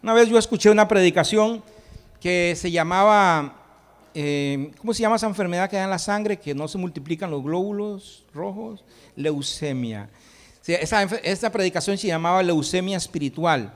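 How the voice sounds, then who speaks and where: A man preaching a sermon as pastor, impassioned, swinging between loud proclamation and hushed intensity. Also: high-pitched, normal speed, long reverb tail. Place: church sanctuary.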